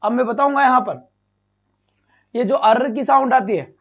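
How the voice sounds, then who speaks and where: A man's voice: extremely high pitch, moderate pace. Man teaching phonetics, quizzing students. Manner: addresses students as beta, asks and answers own questions; bursts of loud praise. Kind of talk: live online class. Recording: dull lo-fi stream audio.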